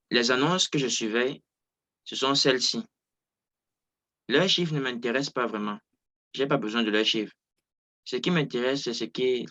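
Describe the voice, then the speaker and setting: A man's voice: mid-range voice, fairly bright tone, muffled recording. A man coaching on trading over a video call, explaining in a hesitant, casual way with frequent fillers. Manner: hesitant, many fillers and restarts. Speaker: trading coach hosting a Zoom session.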